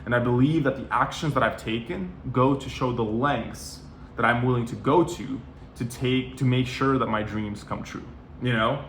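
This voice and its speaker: A man's voice: mid-range voice, normal speed, fairly bright tone, slight background noise. A young man in his twenties from Norway, giving casual, conversational career advice and often saying "you know" and "like". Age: 20s. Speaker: sales coach. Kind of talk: casual talking-head advice. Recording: roomy echo.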